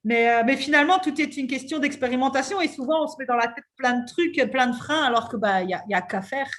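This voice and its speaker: Woman host in her thirties, fairly high voice, lively casual chat, swears freely. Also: fast. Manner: animated, swears casually, many fillers. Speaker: podcast host and coach.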